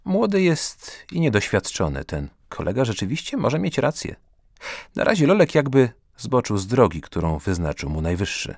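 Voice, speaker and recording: A man narrating a story in an expressive scripted reading. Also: fairly low pitch, normal speed, no room sound, studio quality. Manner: expressive, first-person guardian-angel narrator. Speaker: audiobook narrator.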